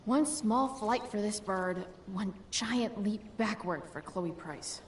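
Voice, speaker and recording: Game heroine, female actor: wry teen rebel girl, unhurried slangy delivery, slightly distant. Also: mid-range voice, slight background noise, lightly acted. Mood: sly, muttering. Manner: dry, wry, slangy muttering to herself. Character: sarcastic, rebellious teenage girl. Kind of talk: video game voice acting.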